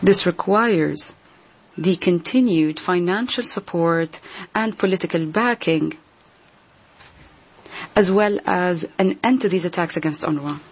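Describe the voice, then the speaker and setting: A woman giving a translation voice-over as an interpreter, rendering a formal speech in a measured, deliberate way. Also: lowish voice, slightly rough, lo-fi sound. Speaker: simultaneous interpreter.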